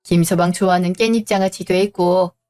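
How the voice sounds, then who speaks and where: A woman's voice: fairly low pitch, steady tone, a little fast, a little mellow, faint music behind, close to an everyday voice. A woman voicing a caring, chatty older mother in a scripted audio drama. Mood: warm.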